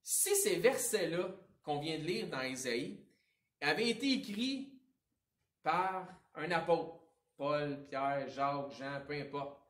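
A man with a Quebec French accent preaching a sermon as pastor, with a conversational style, informal asides and big swings between loud and quiet. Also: on the high side, animated, takes it slowly. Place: church sanctuary. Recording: roomy echo, voice picked up from a distance.

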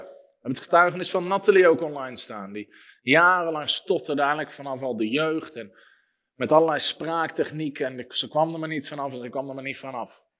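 A man preaching a sermon, emphatic, with sharp rises and drops in his voice. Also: a little high. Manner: emphatic, rising and dropping sharply for effect.

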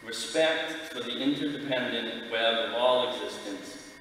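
A middle-aged man preaches like a vicar in measured, emphatic phrases. His voice is bright and forceful. It comes from a distance in a very reverberant church, with faint noise behind it. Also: medium pitch. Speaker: lay speaker giving a church sermon. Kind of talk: sermon read from notes. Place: large church, at a pulpit. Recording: echoey church hall, distant mic, background noise.

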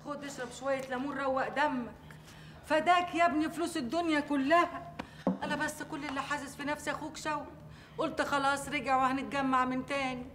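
A woman's voice: high voice, steady tone, quick pace, noisy background, natural voice. A woman playing a doting, fretful Egyptian mother. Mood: coaxing. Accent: Egyptian Arabic. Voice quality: coaxing, fretful. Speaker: actor in a TV comedy series.

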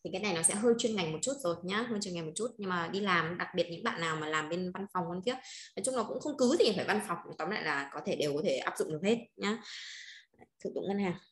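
A woman teaching an online Chinese lesson, briskly drilling each word twice and coaching her students. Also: on the low side, lively intonation. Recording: roomy echo.

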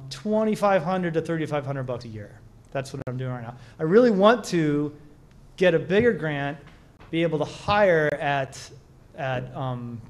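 A man giving a casual conference talk and answering questions, rambling with many restarts and fillers, recorded in a small room. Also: a little high. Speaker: conference speaker.

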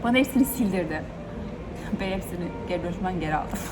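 A woman vlogging casually to a handheld camera, ranting in an animated, exasperated way while she walks around a small shop. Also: fairly low pitch, fast. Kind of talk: casual vlog talk to camera. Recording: noisy ambient background.

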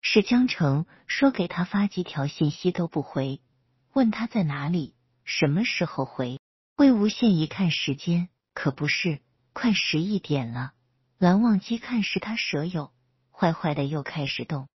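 A woman storyteller reads a romance story aloud in a soft, steady manner. Her low voice is very husky and breathy. The recording is dry and dull, with a lo-fi sound. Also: measured pace, dry recording. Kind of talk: reading romance fan fiction aloud.

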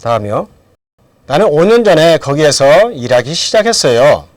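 Middle-aged male language teacher, animated delivery, dry recording, drills the class with questions. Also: a little high, moderate pace, dry recording. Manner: asks questions and answers them himself. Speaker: English teacher. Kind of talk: lecture with drills.

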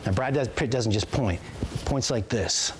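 A man's voice: medium pitch, measured pace, slight background noise. Upbeat man leading a mock class. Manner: upbeat, instructive. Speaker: guest actor and comedian.

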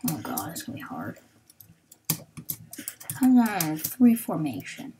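A woman narrates her own gameplay in a slow, halting way, pausing often with fillers as she thinks aloud. Her voice sits fairly low but moves up and down a lot. A faint hiss runs under the recording. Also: huge pitch swings, dark tone. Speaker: gaming channel host. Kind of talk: Let's Play commentary.

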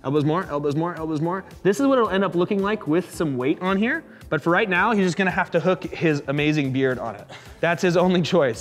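A man coaching a fitness class, encouraging and joking as he calls out quick repeated cues. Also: high-pitched. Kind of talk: live coaching class instruction. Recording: echoey hall reverb.

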